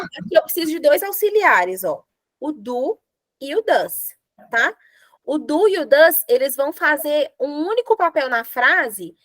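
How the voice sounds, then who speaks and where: High-voiced Brazilian woman teaching English. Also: dry recording, studio quality. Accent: Brazilian Portuguese. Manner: playful, animated explaining with jokes. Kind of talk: classroom grammar lesson.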